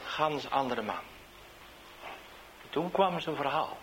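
A man, a street evangelist, tells a testimony in an animated storytelling way, swinging between loud bursts and hushed asides. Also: mid-range voice, slow pace, a little hiss or hum, poor audio.

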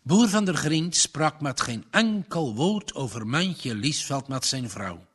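A man reading a story aloud in a slow, measured way. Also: a little high, sing-song, slightly rough. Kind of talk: storybook narration.

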